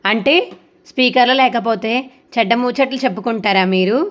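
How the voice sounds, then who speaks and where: A woman voicing a sharp-tongued, scolding middle-aged mother-in-law in a retold serial. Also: on the high side, fairly quick, lightly acted. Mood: shrill. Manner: nagging, shouting.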